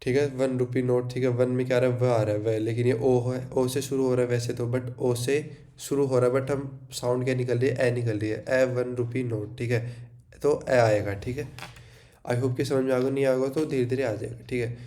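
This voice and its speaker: This time the teacher's medium-pitched voice is dark in tone, at normal speed with fairly even intonation. The young Indian man's revision lecture blends in English, leans on "theek hai" to check in, and has him asking and answering his own questions.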